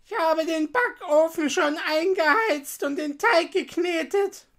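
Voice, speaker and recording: A wicked old witch from a storybook, her voice pitched high and strained. She shouts and mocks in a shrill, harsh tone that sounds far from the reader's own. The delivery is slow and heavy with scorn. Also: full character voice. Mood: scolding. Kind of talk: storybook reading.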